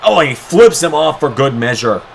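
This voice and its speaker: A man doing play-by-play as a wrestling commentator, excitable, drawing out the calls of the moves. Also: mid-range voice, moderate pace, vocal fry, a little hiss or hum. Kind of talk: wrestling commentary of a video game match.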